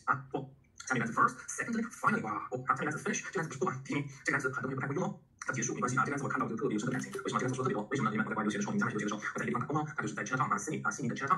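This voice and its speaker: Fast-talking, bright-voiced male teacher. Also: mid-range voice, rough recording. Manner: animated, chatty, spells words aloud letter by letter. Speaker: English vocabulary teacher. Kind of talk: lively classroom lecture.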